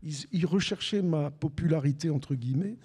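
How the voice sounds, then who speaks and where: Older marseille guy telling stories, husky raspy voice, keeps restarting and doing the other voices. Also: on the high side, moderate pace. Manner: animated anecdotes with repeated restarts and acted-out dialogue. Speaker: guest, former sports radio commentator. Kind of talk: storytelling in a live podcast conversation.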